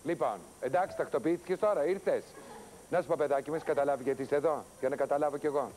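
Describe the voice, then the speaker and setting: An actor playing an exasperated TV producer who nags and lectures a new hire. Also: male voice, a little high, darkish tone, a little hiss or hum, lightly acted. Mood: lecturing. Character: exasperated TV show producer, a middle-aged man. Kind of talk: TV sketch comedy acting.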